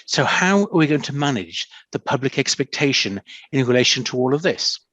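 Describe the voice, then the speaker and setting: Courteous male moderator, mid-pitched, on dry, muffled call audio. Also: sing-song, fairly bright tone, dry recording. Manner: polite, measured, reads questions out. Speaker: debate moderator. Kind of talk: chairing a panel Q&A. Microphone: video call.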